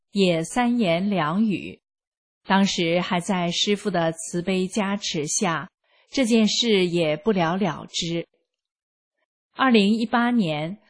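Female reader, slow, husky-toned, steady scripted narration. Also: medium pitch. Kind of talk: scripted first-person narration.

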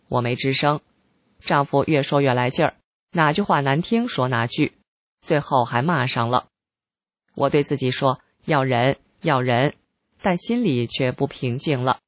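A reader giving scripted narration of a first-person article in a calm, measured, even way. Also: mid-range voice, dry recording.

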